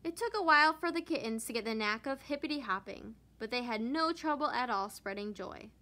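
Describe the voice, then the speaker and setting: A woman teacher reading a children's picture book aloud with expressive narration. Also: a little high, a little fast. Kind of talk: storybook read-aloud.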